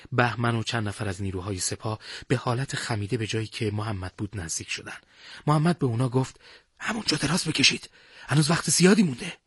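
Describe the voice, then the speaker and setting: Husky, breathy male storyteller. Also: lowish voice, no room sound, studio quality. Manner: measured, dramatic storytelling. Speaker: narrator. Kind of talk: scripted story narration.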